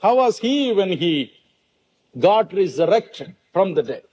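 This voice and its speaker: A man preaching with an Indian English accent, his voice high for a man. He delivers the sermon at a very slow, deliberate pace, one short phrase at a time, waiting for his interpreter. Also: lively intonation, a little mellow, highs cut off. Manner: preaches in short lines, pausing after each for the interpreter.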